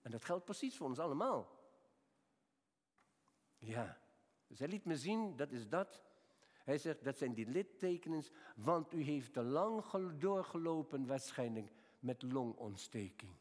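Preaching with a medium-pitched, sing-song voice, a man in his seventies shares personal stories in his sermon. He moves from hushed, slow moments to raised, emphatic pleas, and the long reverb of a hall surrounds him.

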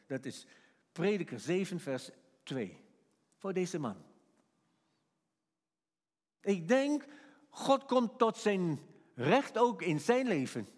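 Animated male preacher in a reverberant hall. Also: fairly high pitch. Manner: animated, rising to emphatic peaks. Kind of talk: sermon with personal story.

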